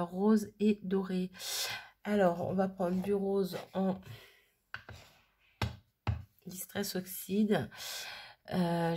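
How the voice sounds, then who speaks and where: A woman's voice: on the low side, a little mellow, slightly rough. A woman hosting a casual crafting video who chats and thinks aloud with plenty of fillers. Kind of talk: casual crafting tutorial chat.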